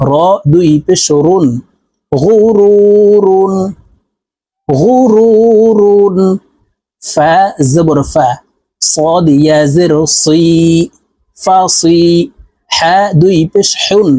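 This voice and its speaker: Bangladeshi quran teacher guy, super slow, spells syllables then sings the word, warm mellow voice, dry close mic. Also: fairly high pitch, no room sound. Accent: Bangladeshi Bengali. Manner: spells each syllable slowly, then draws out the whole word in a sung tone. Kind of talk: slow spelling-out recitation lesson.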